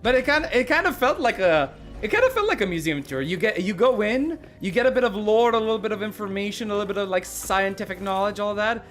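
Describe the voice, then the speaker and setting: A man streaming and reacting to a game, excitable and casual, swearing and talking to his chat as bros. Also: high voice, fast, hardly any pauses. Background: game music.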